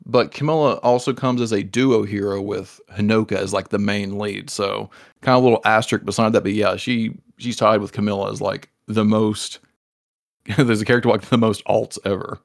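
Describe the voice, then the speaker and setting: A low-pitched man with a gravelly, creaky edge to his voice, co-hosting a casual podcast about video games. He talks animatedly and shoots up into high, excited tones whenever he acts out his own reactions. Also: normal speed. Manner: animated, jumps into high excited voices when quoting himself. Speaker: podcast co-host.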